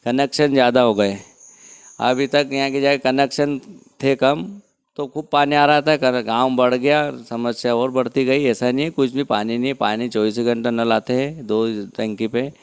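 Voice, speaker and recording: A man speaking with a tinge answers an interviewer's accusations as village head. He is insistent and keeps repeating rhetorical questions to defend himself. His voice is smooth and clear at an average pitch. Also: fairly even intonation, normal speed.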